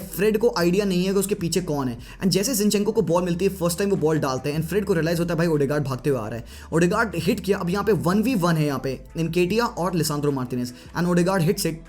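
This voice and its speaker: A man giving a casual, lively tactical breakdown of a football match, chatting to viewers and mixing in English phrases. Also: on the high side. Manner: lively Hinglish commentary, mixing Hindi and English; chatty, addresses viewers as bhai. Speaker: football analyst.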